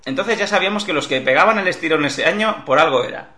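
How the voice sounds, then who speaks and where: Bright, lively joking co-host. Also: male voice, on the high side, fast, roomy sound, slight background noise. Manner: joking interjections, teasing comments. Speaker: podcast co-host. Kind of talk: casual chat.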